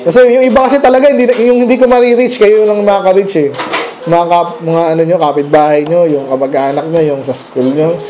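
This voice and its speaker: A man's voice: high voice, fairly even intonation, fast talker, dark tone, slight background noise, poor audio. A man with a Filipino accent, preaching a midweek Bible study sermon in a conversational way, full of rhetorical questions and English phrases. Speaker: pastor. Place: church meeting room.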